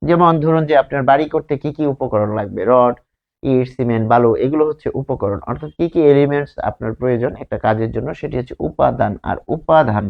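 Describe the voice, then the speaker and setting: At the whiteboard, a man with a Bangladeshi Bengali accent works slowly through a grammar lesson, repeating words and asking rhetorical questions. His mid-range voice carries vocal fry, and the audio is lo-fi.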